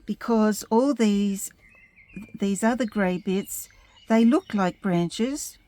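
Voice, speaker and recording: Woman, gentle painting instructor; relaxed, soft-edged tone, close dry sound, tutorial delivery. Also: mid-range voice, no room sound. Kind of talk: step-by-step painting tutorial narration.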